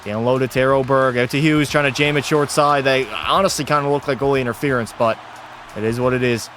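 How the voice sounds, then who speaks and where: A young man hosting a gaming channel, giving play-by-play commentary and swinging from calm calls to swearing outbursts. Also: medium pitch, brisk, slight background noise.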